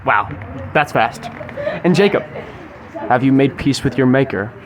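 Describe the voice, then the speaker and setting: A young man hosts a podcast from a busy sushi restaurant, where chatter makes the background noisy. His voice is mid-range and animated but a little slow, delivering a grandiose, wordy, mock-formal script.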